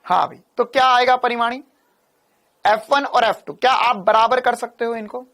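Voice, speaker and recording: A man teaching a physics lecture in an animated, teasing way, repeating key lines. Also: extremely high pitch, moderate pace. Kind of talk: classroom lecture.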